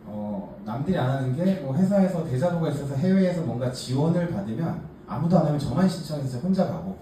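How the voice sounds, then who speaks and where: This man's voice sits on the high side, with lively intonation, a brisk pace and a warm tone. In his forties and from Gangneung in Gangwon Province, South Korea, he's a workshop case presenter telling a group about his own life in a chatty, self-mocking manner full of fillers. Expect echo, a distant microphone and faint hiss.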